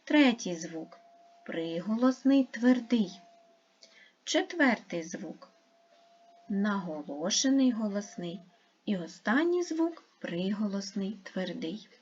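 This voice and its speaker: A woman gives a children's lesson in a slow, deliberate way, spelling out each sound and syllable. Her voice is slightly husky and rises and falls a lot. The recording is a little dull and lo-fi. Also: medium pitch, big pitch swings, darkish tone. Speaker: primary school teacher. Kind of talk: online lesson for young pupils.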